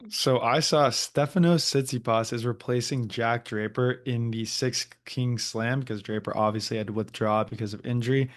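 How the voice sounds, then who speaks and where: A man's voice: mid-range voice, fairly even intonation, moderate pace, hardly any pauses. A man co-hosting a tennis podcast in a loose, casual chat, laughing often. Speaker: podcast co-host.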